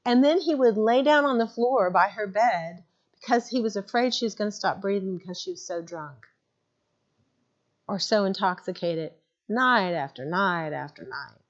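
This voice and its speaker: A woman's voice: medium pitch, normal speed. A woman giving a mental health training, telling stories and acting out what people said. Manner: animated storyteller who acts out quotes. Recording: muffled lo-fi recording.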